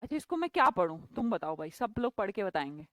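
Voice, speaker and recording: A woman's voice: medium pitch, sing-song, fast, fairly bright tone, no room sound. A woman teaching English vocabulary in a live online class, chatty and playful, teasing her students by name.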